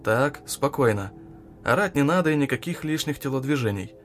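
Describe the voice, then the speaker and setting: A man voicing a tense security man who barks orders loudly. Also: mid-range voice, animated, moderate pace, slight background noise, voice pushed up, natural voice. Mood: commanding. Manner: loud, commanding.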